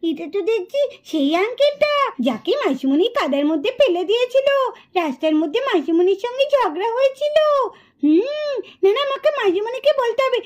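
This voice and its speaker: A woman voicing an excitable little girl. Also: very high-pitched, normal speed. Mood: tattling. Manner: calling out, tattling. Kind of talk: puppet cartoon voice acting.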